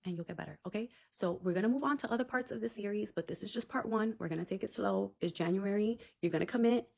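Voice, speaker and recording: A woman's voice: mid-range voice, quick pace, gravelly, a little mellow. A woman content creator giving casual advice to camera in a chatty, blunt way, swearing freely and checking in with "okay?".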